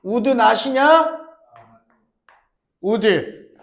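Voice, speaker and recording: A middle-aged man teaching English grammar to a high school class, joking and teasing students by name as he lectures. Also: extremely slow, vocal fry. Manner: teasing, animated, banters with students.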